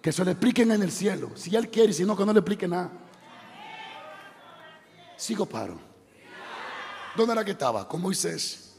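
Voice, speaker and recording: High-voiced male pastor in a reverberant hall. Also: very animated, normal speed, gravelly, long pauses. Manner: impassioned, conversational preaching with shouted exclamations. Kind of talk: sermon. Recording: long reverb of a large hall.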